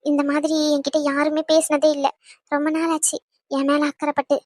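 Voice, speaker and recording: A woman's voice: high-pitched, flat delivery, fairly quick, a little mellow, dry recording, studio quality, close to an everyday voice. A woman playing a sulky, proud young girlfriend in an audio drama romance. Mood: wistful. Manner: sulky, pouting.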